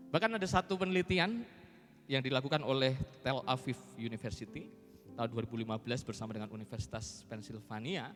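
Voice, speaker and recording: A male pastor preaching a sermon. He swings between soft asides and loud emphasis, and he speaks directly to his congregation. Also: fairly high pitch. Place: large church hall. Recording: reverberant church hall with music behind.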